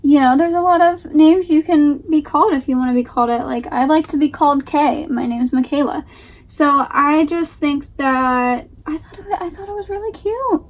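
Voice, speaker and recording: A young adult woman giving casual reaction commentary, explaining herself in a halting, repetitive, emphatic way. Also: sits high, steady tone, distant mic. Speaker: reaction video host.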